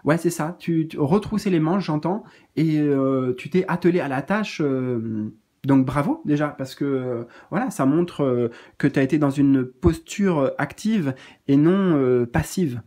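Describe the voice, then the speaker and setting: A man giving a gentle, reassuring spiritual card reading in a casual spoken style, pausing often with fillers. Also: fairly high pitch, expressive.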